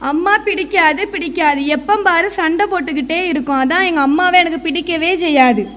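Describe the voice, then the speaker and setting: A woman's voice: very high voice, brisk, fairly bright tone, a little hiss or hum. A young woman playing a stubborn, moody daughter who gives blunt, childish answers. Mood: sulky. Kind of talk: college stage skit.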